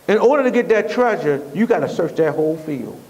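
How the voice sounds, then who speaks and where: Male pastor, high voice, conversational sermon, repeats and restarts phrases. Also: expressive, brisk, a little mellow, muffled recording. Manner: repetitive, conversational preaching with restarts.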